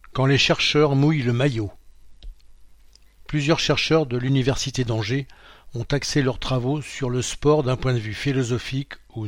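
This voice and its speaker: A man reading a printed magazine aloud in French, announcing page numbers and quotation marks in a steady, informative way. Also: medium pitch, no echo, clean studio sound. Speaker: magazine reader.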